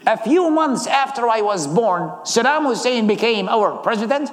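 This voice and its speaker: A man from Iraq in his thirties, with an Iraqi accent, shares a sermon and his personal testimony live in a large, echoey hall with long reverb. He speaks animatedly at a moderate pace in a very high-pitched voice.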